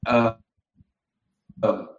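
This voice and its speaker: A man talking as a guest over a video call, casual and halting, often restarting his sentences. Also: echoey room, highs cut off. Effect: heard over a video call. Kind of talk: casual chat.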